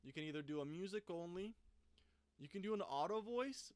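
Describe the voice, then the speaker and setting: A man talks through a software walkthrough in a loose, conversational way, pausing to think aloud as he goes. His voice is smooth and resonant, recorded close and dry with no room sound. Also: sits high, lively intonation, no room sound. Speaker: software reviewer. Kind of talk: casual screen-recorded tutorial.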